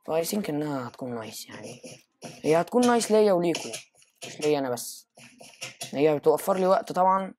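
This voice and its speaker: A man with an Egyptian accent giving live gameplay commentary, excitable, jumping to loud high exclamations and mixing in English phrases. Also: quick pace, long pauses, a little hiss or hum. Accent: Egyptian Arabic. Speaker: gaming YouTuber.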